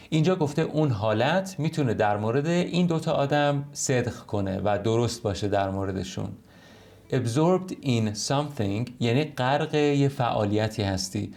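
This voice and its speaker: Persian-speaking man teaching English slowly. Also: medium pitch, a little mellow. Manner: explains in Persian, reads English examples slowly and carefully. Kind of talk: online language lesson. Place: home recording.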